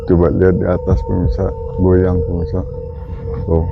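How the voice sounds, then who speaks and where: A man presenting a night paranormal vlog in short, halting phrases addressed to viewers. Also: low-pitched, monotone, gravelly. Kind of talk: night ghost-hunt vlog commentary. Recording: dull lo-fi audio, loud eerie music. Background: loud music with singing-bowl tones.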